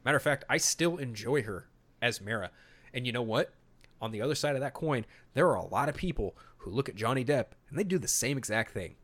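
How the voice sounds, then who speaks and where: Fairly quick and expressive, a podcast host with a mid-range, slightly bright voice moves between reading summaries and casual commentary. His opinions come out emphatic and a little profane.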